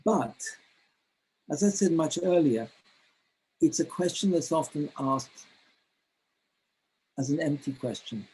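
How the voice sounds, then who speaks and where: A man presenting a teacher-training webinar, speaking in a halting way with many fillers and restarts. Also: medium pitch, warm tone, husky, poor audio. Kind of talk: webinar lecture.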